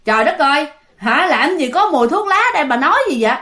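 A woman voicing a calm young man who gives his friends firm orders. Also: high-pitched, fast talker.

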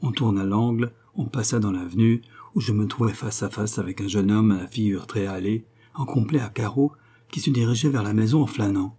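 A man reading a novel aloud in steady, measured narration. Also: on the low side, breathy edge. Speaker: audiobook reader. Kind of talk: scripted narration.

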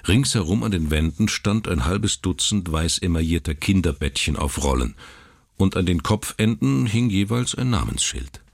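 A man narrating a literary story in a measured, dramatic reading. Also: low-pitched, animated, creaky, no echo, studio quality.

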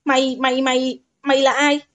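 A cowering older father who stammers and spits curses, voiced high and a little loud for a man, as a woman narrator puts him on. A storybook villain caught out. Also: a little fast, natural voice. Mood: stammering fear.

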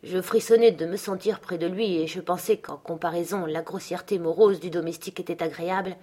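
A woman narrating a classic novel in the first person, in a measured reading. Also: fairly low pitch, fairly even intonation, mellow. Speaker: audiobook reader. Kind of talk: literary audiobook narration.

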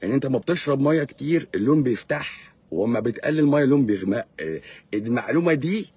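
A man's voice: medium pitch, animated, fast talker, dark tone, breathy edge. A man with an Egyptian accent, a doctor hosting a live stream, lecturing in a sarcastic, mocking way. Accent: Egyptian Arabic. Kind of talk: casual live-stream monologue.

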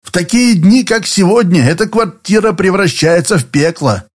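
A man's voice: sits high, expressive, moderate pace, pitched above the performer's own voice. A man reading an audiobook, voicing a falsely polite middle-aged tenant who turns curt and wary. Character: smooth-then-suspicious middle-aged male tenant.

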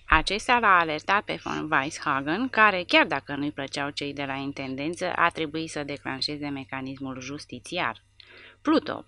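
A woman narrating an audiobook with steady, measured storytelling. Her voice is low and gravelly with a sharp, bright edge, and the recording is dry and close.

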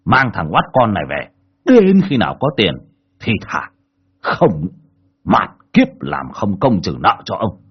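A man's voice: deep voice, very animated, normal speed, pauses often, breathy edge, highs cut off, full character voice. A man playing a cruel, bullying male village landlord who barks abuse and orders at poor farmers in an audio story. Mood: bullying rage. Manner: barking, abusive, shouting orders.

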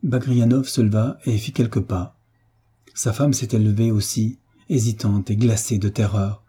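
A male narrator reads an audiobook in a measured, steady way. His voice is husky and very dark, set fairly low in pitch. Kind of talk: scripted narration.

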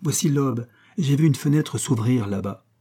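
A man reading aloud voices an excitable young soldier nobleman with blustering, exclamatory speech. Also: medium pitch, moderate pace, pitched above the performer's own voice, natural voice. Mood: excited.

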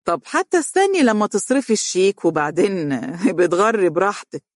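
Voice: mid-range voice, fast talker, dry recording, studio quality, close to an everyday voice. A narrator voicing a sly, sarcastic lawyer in Egyptian Arabic for an audiobook. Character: sleazy, mocking middle-aged man lawyer.

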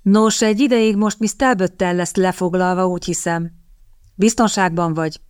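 A woman reading the part of a sardonic young gentleman who speaks in a measured, wry way. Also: on the low side, fairly even intonation, clean tone, no echo, clean studio sound, natural voice.

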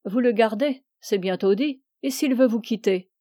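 Stern calm old moralist with a grey beard, measured and cold, mellow voice, read by a woman. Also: a little high, no room sound, clean studio sound, natural voice. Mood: grave.

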